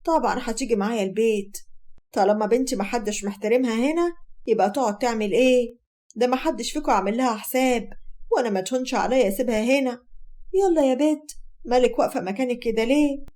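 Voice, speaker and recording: A woman voicing an overbearing older Egyptian mother who scolds loudly and indignantly. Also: fairly high pitch, fast talker, natural voice.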